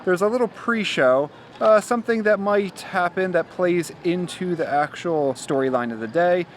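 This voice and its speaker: A man's voice: sits high, moderate pace. A man hosting a festival guide video, explaining things casually to viewers. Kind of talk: casual explanatory talk to camera. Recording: noisy outdoor urban ambience.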